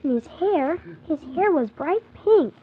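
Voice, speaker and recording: In a 1940s children's radio drama, a woman with a very high, lively voice plays an earnest, polite young orphan boy, narrating his story wide-eyed at a measured pace. The recording sounds thin and phone-like, as 1940s radio did, with some background noise.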